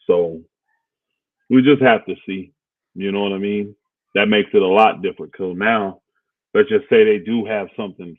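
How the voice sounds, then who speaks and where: A man's voice: sits low, no echo. A man co-hosting a casual basketball talk stream, laid-back and rambling, thinking aloud with lots of fillers. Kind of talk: casual sports talk livestream. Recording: dry, phone-like audio.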